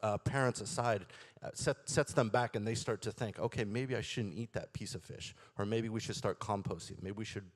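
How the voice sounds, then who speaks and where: A man who heads a school, speaking on a conference panel in a steady, earnest way. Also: lowish voice, moderate pace. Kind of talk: panel discussion.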